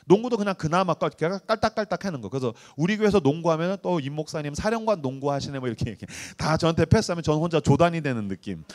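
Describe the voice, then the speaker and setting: A man's voice: a little high, fast, hardly any pauses. A male pastor preaching to a youth retreat, talking casually, joking and acting out little dialogues. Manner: animated, acts out dialogues, joking slang.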